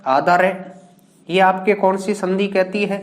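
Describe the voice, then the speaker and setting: Slow, high-voiced male teacher. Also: fairly even intonation. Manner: asks questions and answers them himself; slow, drawn-out word examples. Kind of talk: classroom grammar lesson. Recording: echoey room.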